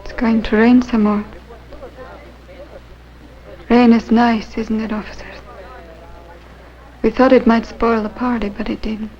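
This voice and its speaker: In a 1950s television drama, an actress plays an earnest, plaintive married woman who first denies and then confesses a secret, sounding weary and wistful. Her natural voice is fairly high with little pitch movement, a bit slow, with long pauses. The dull period soundtrack carries loud music behind her.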